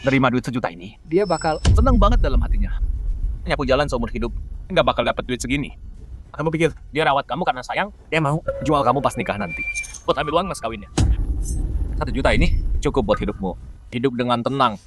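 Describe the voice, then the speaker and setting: This is a scornful newly rich father, played by a man. He talks down to people in a sneering, boastful way. The voice sits at an ordinary male pitch. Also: fast talker, close to an everyday voice. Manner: sneering, condescending. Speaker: wealthy biological father. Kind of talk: dubbed drama acting.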